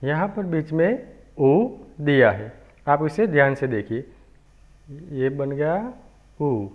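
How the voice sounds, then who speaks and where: A man gives a children's alphabet lesson at a very slow, deliberate pace, sounding out each letter again and again. His voice sits a little high, and it comes through a thin, tinny line like a phone recording. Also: lively intonation. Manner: slow, patient, repeating sounds for young pupils. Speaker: teacher.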